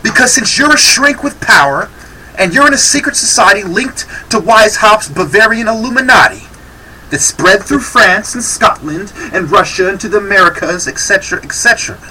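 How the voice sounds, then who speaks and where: A man rants in a heated, sarcastic way as he reacts to a clip. His voice sits high and swings up and down a lot, with a bright, tense edge. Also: lively intonation, moderate pace, recorded from a distance, a little hiss or hum, low-quality recording. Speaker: video commentator.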